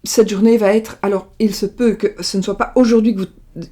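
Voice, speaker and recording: Middle-aged woman doing a tarot reading on stream, mellow soft voice, rambles and restarts a lot. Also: mid-range voice, steady tone, normal speed. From France. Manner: rambling, many fillers and restarts. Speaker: tarot card reader. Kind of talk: casual card-reading livestream. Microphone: webcam or desk mic, video call style.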